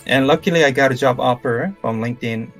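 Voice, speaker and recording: A South Korean man in his thirties gives a live-streamed lecture in English as a career coach, his Korean accent clear. His medium-pitched delivery halts often, full of fillers and restarts, with faint music playing behind him.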